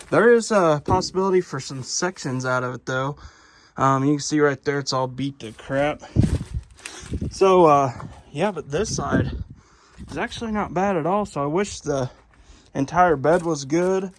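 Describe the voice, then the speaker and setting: A man's voice: fairly high pitch, a little slow. A man in casual talk to camera while working on a truck frame, rambling with many fillers and self-corrections. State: out of breath. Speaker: vlogger restoring a truck.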